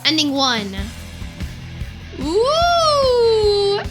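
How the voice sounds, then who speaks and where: A woman VTuber giving excited, casual reaction commentary, exclamatory and easily amazed. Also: extremely high pitch, drawn-out words. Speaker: VTuber reacting to anime openings. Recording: music playing behind the voice. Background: anime theme songs.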